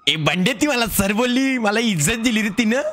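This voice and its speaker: A man playing a loud, boastful village character in a comedy roleplay game, with an Agri Koli Marathi accent and a rambling way of talking. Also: sits high, animated, moderate pace.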